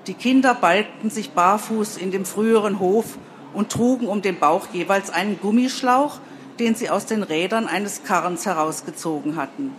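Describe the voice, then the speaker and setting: A woman reads a story aloud with calm, even narration. Her voice is mid-pitched, and faint background noise sits behind it. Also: normal speed.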